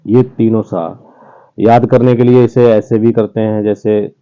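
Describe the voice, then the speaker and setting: A male teacher giving an online lesson to children, slowly and patiently sounding out each letter. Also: lowish voice, level tone, dark tone, smooth. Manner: slow, patient, spells out sounds one by one. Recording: tinny phone-like sound.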